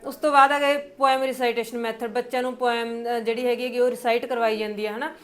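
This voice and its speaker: A young woman with a Punjabi accent gives an exam-prep lecture. Her voice sits a little high. She explains patiently, pads her points with fillers and slows down over the English terms. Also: level tone. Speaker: teacher.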